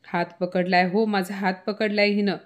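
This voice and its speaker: A woman's voice: medium pitch, flat delivery, normal speed, close to an everyday voice. A woman voicing an older mother-in-law who scolds and complains dramatically in a storybook tale. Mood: angry, wailing.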